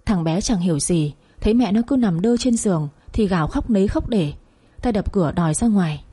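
A woman narrating a dramatic audio story in a steady, emotive way. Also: mid-range voice, a little fast, husky.

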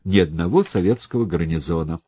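A man's voice: low voice, fairly quick, mellow. A man voicing a wry, talkative soldier who jokes and gives orders while rowing. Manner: joking, bossy.

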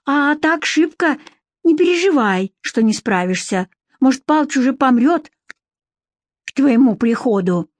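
Woman putting on shrill village women, yelling high and slow, blunt and pushy, dry close sound. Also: animated, no echo. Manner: shrill, drawn-out shouting. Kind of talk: audiobook narration.

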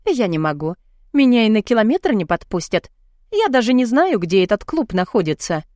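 A woman's voice: on the high side, very animated, normal speed, a little mellow, dry recording, clean studio sound, pitched above the performer's own voice. Woman voicing an evasive mother. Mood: placating. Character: evasive middle-aged mother, falsely soothing.

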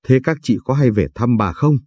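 A man reading the lines of a calm, kind female doctor who reassures her patient gently. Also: mid-range voice, moderate pace, husky, no echo, natural voice. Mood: reassuring.

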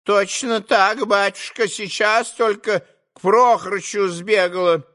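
A man voicing a scolding old female servant in a cracked falsetto, in a storybook reading. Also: fairly even intonation, unhurried, a bit bright. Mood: chatty.

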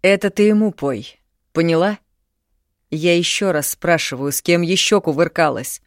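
A woman reading the lines of a coarse, domineering young man in an audiobook, curt and loud. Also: fairly low pitch, moderate pace, dry recording, clean studio sound, close to an everyday voice. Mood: angry, contemptuous.

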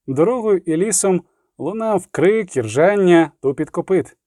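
Brief: male audiobook narrator, dramatic, mellow dark tone, lively pitch. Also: measured pace, dry recording, studio quality. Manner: vivid, dramatic reading.

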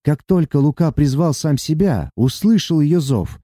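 A man's voice: fairly high pitch, lively intonation, moderate pace, mellow, dry recording, studio quality, voice pushed up. A man voicing a grim, sullen man who grumbles out an explanation.

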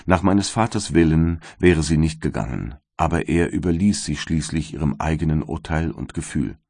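Very deep-voiced man reading aloud. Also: normal speed, vocal fry, a little mellow, no room sound, clean studio sound. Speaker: audiobook reader. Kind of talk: scripted narration.

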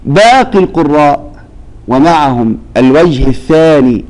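A man's voice: a little high, animated, measured pace, darkish tone, poor audio. Questioning male Quran teacher. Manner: explains step by step, checks understanding with questions. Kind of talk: classroom lesson.

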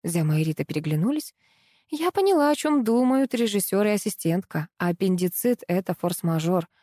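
A woman reading a first-person audiobook in a lively, ironic storytelling manner. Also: medium pitch, fairly quick. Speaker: audiobook narrator.

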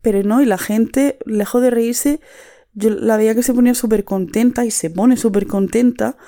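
A woman's voice: fairly high pitch, normal speed, dark tone. A woman from Andalusia with an Andalusian Spanish accent, talking frankly and with feeling on the radio, acting out the voices of the people she quotes. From Andalusia, Spain. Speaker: radio guest. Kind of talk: casual radio talk.

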